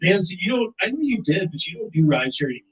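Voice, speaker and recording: A man's voice: high-pitched, big pitch swings, racing, a bit bright, slightly rough, low-quality recording. A man hosting a casual group chat, talking in a rambling, informal way. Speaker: host of gig drivers' group talk. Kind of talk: casual group chat about gig work.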